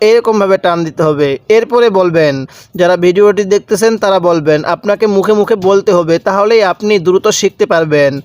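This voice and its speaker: A man's voice: sits high, fairly quick, a little mellow, smooth, no echo. A man teaching Quran reading step by step, drawing out syllables and repeating letter sounds for the viewer to say back. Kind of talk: step-by-step recitation lesson.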